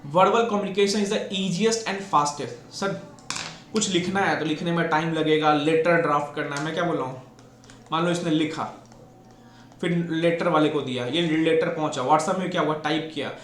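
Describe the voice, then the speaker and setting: A man's voice: a little high, fairly even intonation, moderate pace, a bit bright. A man teaching an exam-prep lecture, mixing Hindi and English and asking and answering his own questions. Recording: echoey room with faint noise.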